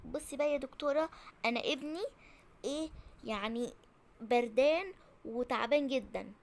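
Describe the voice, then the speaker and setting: A woman's voice: high-pitched, moderate pace. Woman playing a worried Egyptian mother. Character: worried young mother of a sick boy.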